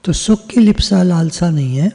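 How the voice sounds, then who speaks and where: A man giving a devotional discourse on scripture over a video call, teaching in a measured way, repeating phrases and asking and answering his own questions. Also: high voice, animated, vocal fry, mellow, big-room sound. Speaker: spiritual teacher.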